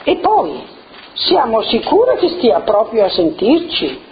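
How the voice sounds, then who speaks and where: A woman's voice: a little high, wildly swooping pitch, takes it slowly, voice pushed up, heavily acted. A woman voicing a skeptical, down-to-earth sheep in a storybook reading. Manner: doubtful, questioning. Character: skeptical practical sheep, realist. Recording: muffled with faint noise.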